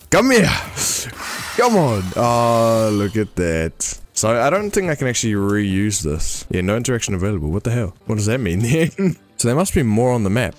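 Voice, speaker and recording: A young man giving casual gameplay commentary, excitable and laughing often, peppering his talk with "bro". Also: fairly low pitch. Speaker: gamer.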